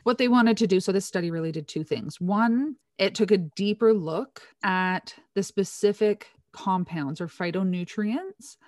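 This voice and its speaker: A woman's voice: mid-range voice, unhurried, hardly any pauses, darkish tone, no room sound, clean studio sound. A woman co-hosting a casual science chat, eagerly explaining nutrition research in detail.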